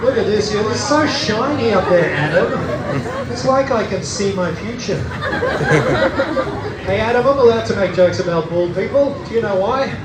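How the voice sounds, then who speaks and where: A man's voice: high voice, expressive, normal speed. A man in his fifties working as a street performer, hyping and joking with his audience in cheeky comedic patter. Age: 50s. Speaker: street performer hosting a stunt show. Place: outdoor festival street show. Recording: roomy, distant pickup in loud crowd noise.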